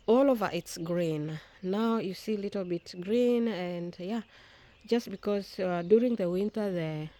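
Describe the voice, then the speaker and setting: A Swahili-speaking woman walks and talks through a casual vlog, filming her garden outdoors on a phone and frequently restarting her phrases. Her voice is on the low side with a dark tone, over slight background noise.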